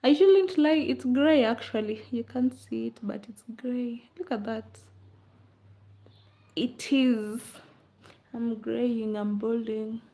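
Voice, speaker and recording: A woman hosting a livestream chats casually, teasing commenters playfully as she answers them and laughing a lot. Her voice is a little high, slow and mellow, carried through dull lo-fi livestream audio.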